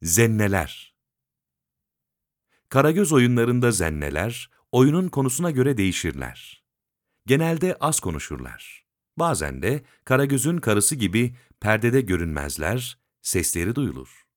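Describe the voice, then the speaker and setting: A man reading a textbook lesson aloud in a measured, list-like way, pausing between items. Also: mid-range voice, sing-song, no room sound, clean studio sound.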